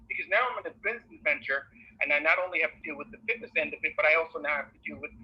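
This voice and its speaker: Bronx guy calling in, voice keeps cutting in and out, kinda high and husky, earnest, lots of ums. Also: animated. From the Bronx, New York. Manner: earnest, halting, with fillers. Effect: voice cutting in and out on an online call. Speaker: caller asking a question. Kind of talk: casual Q&A over an online call. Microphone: video call. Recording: dull lo-fi call audio.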